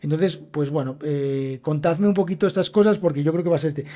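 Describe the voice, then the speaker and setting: A young Spanish teacher with a Castilian accent speaks fairly quickly with a warm tone, a voice on the high side and fairly even intonation. Alone on his educational podcast, he explains things directly to his students.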